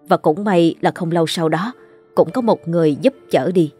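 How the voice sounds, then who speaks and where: A woman's voice: lowish voice, a little mellow, slightly rough. A woman narrating a ghost story in a scripted storytelling style.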